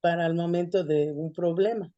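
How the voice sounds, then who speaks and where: A woman's voice: on the low side, steady tone, normal speed, mellow, dull audio. A woman answering in class, searching for words. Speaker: student.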